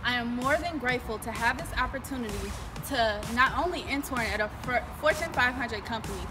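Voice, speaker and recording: A woman's voice: a little high, brisk, distant mic, over music. A young woman, a graduating senior and intern, giving a polished, enthusiastic thank-you. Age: young adult. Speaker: intern and scholarship recipient. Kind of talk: recorded thank-you message.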